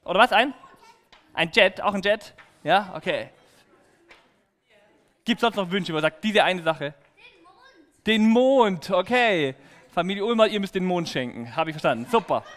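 Brief: male children's preacher, high voice, playful and direct, echoing church hall. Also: moderate pace, long pauses. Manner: lively, playful, talking directly to kids. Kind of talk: children's sermon. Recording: echoey hall reverb.

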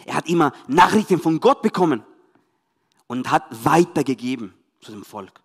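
A man from Chile with a Spanish accent, a youth pastor telling a Bible story to children and parents in lively, emphatic German. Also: a little high, normal speed, creaky, breathy edge, long reverb tail.

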